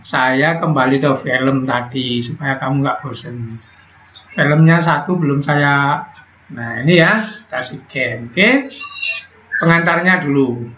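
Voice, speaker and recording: A man lectures a biology class, with a fairly high voice. He keeps it chatty, firing questions at the students and tossing in jokes. The sound is echoey and dull, as though recorded on a cheap device in a classroom. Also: sharp tone. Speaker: biology teacher.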